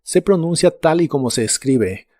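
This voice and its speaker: Calm man teaching an English lesson. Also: fairly high pitch, no echo, clean studio sound. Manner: slow, even explanation with repeated example words. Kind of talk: scripted language lesson.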